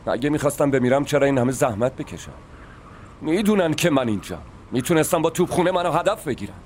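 An actor playing a shrewd, calm male enemy officer in a dubbed war drama. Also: on the high side, a little hiss or hum, close to an everyday voice. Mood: calculating. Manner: calculating, calm reasoning.

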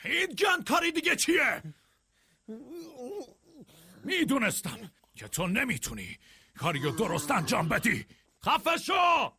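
A man dubbing a rancher who holds his family together, shouting at times and soothing at others. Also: high-pitched, wildly swooping pitch, full character voice. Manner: shouting in search, then softly soothing. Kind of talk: film dubbing.

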